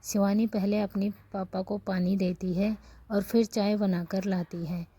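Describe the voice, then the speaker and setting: Mellow-voiced woman storyteller. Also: mid-range voice, little pitch movement, measured pace, breathy edge, no room sound. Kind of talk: scripted story narration.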